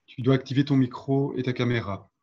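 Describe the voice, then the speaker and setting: A man's voice: medium pitch, brisk, darkish tone. A man hosting and moderating an online seminar, introducing and helping speakers. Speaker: webinar host. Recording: dull lo-fi video call audio.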